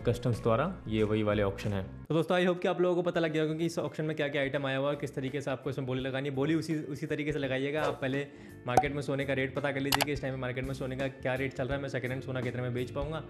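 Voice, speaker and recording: Fast-talking young man hosting an explainer. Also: mid-range voice, over loud music. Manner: steady, brisk delivery mixing in English words. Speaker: channel host. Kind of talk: explainer talk to camera. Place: indoor studio with green backdrop. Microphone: desk microphone in front.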